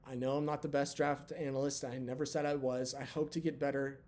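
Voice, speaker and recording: A man hosting his own video channel, chatting candidly with lots of fillers, his voice a bit hoarse from talking long. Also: medium pitch, level tone, fairly quick, a little mellow. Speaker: basketball channel host. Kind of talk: casual talk to camera.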